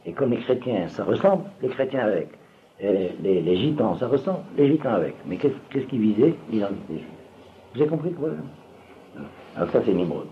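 Older guy giving a religious talk, lowish voice, keeps asking "you follow?", muffled old tape. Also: sing-song, fairly quick. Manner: digressive, keeps checking if listeners follow. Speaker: religious teacher. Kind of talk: lecture to an audience. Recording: dull lo-fi recording with faint room noise.

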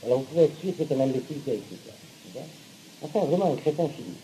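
A man's voice: medium pitch, very animated, racing, dark tone, slight background noise, rough recording. A man teaching a class, often checking that listeners follow, hesitant with fillers and blunt, sarcastic asides. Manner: hesitant, with fillers and repeated words. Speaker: teacher of Hebrew and Torah. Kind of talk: classroom lecture.

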